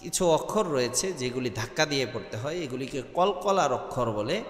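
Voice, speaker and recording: A man leads a careful recitation lesson, spelling out each letter and vowel sign, then chanting the verse slowly. His voice sits at an ordinary middle pitch. The room around him is roomy, and each phrase trails off in a long echo. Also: lively intonation, a bit bright. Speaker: Quran recitation teacher. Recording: echoey room with long reverb.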